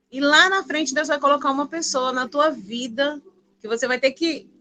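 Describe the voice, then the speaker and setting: Bright high-voiced woman pastor telling stories. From Bahia, Brazil. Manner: lively storytelling with acted quotes. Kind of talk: devotional group discussion.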